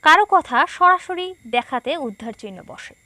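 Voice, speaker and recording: A woman's voice: high-pitched, expressive, normal speed, bright, forceful tone, no room sound. A woman teacher from Bangladesh explaining a textbook lesson, patiently repeating each point and asking herself questions.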